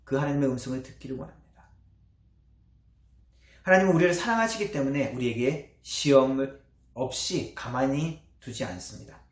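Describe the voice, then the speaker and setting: A man preaching a sermon as pastor, with earnest emphasis and soft trailing endings. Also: medium pitch, expressive, moderate pace. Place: church sanctuary. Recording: echoey church hall.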